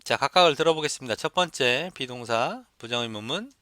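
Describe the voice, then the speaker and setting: A man's voice: mid-range voice, animated, brisk, pushed and bright, dry recording, studio quality. A man teaching an exam listening lesson, explaining step by step and repeating examples for students to copy. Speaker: English test instructor. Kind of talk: lecture.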